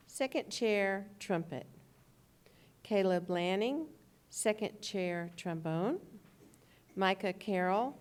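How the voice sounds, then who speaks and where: A woman's voice: mid-range voice, a little mellow, clean tone. A woman, presenting student awards at a school board meeting and reading names carefully. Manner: measured, careful name reading.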